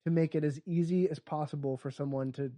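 A man's voice: fairly high pitch, fairly even intonation, brisk, dark tone. A man co-hosting a podcast, chatting casually and joking wryly while he works through comedy bits. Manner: wry, joking, acts out bits. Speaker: podcast co-host.

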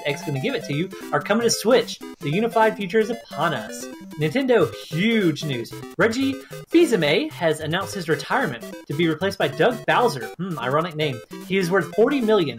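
Deadpan man reading gaming news. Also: a little high. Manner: deadpan, sarcastic. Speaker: podcast co-host reading news. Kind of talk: news rundown with sarcastic asides.

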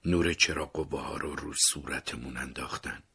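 A man narrating a first-person audiobook in an expressive storytelling way, dropping into whispers at tense moments. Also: rumbling low, husky.

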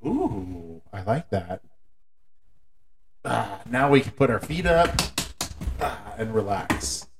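A man co-hosting a podcast, chatting in a relaxed, easygoing way. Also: on the low side, takes it slowly, noisy background. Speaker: podcast co-host. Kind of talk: casual chat.

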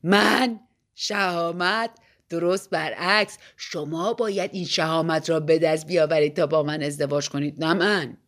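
A woman voicing a very tall young woman who answers with sharp, confident retorts. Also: fairly low pitch, close to an everyday voice. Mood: retorting. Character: huge young woman, quick-witted and bold.

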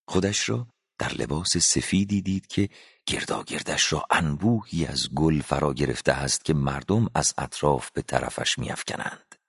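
A man narrating a literary story as an audiobook, reading in a slow, dramatic and expressive way. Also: deep voice, vocal fry, breathy edge, no echo, studio quality.

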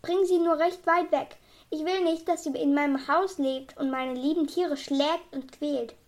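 A woman reading a children's story aloud, voicing a kind, gentle male animal doctor. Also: high voice, steady tone, a little slow. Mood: firm.

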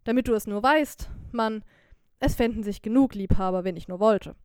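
A woman voicing a young, poor, quick-witted wife in an audiobook, scolding loudly and lamenting theatrically. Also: fairly high pitch, clear, resonant tone, dry recording, clean studio sound, natural voice. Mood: wailing. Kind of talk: audiobook character voice.

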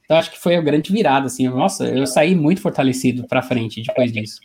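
Fast-talking Brazilian motivational speaker. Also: male voice, mid-range voice, a little hiss or hum. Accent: Brazilian Portuguese. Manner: animated, conversational storyteller. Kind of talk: storytelling in an interview.

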